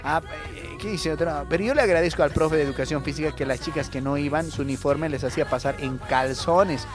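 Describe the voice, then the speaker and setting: Over music, a young man with a Bolivian accent hosts a radio show, his fairly high voice moving briskly. He's a radio host and comedian doing a casual comic monologue, full of informal jokes, as he reads out listener messages.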